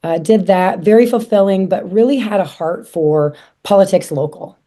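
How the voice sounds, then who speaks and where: A woman in her forties from South Dakota, hoarse from a cold, chatting as an interview guest with lots of fillers and restarts. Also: mid-range voice, normal speed, warm tone. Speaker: guest, association leader. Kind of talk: casual interview chat.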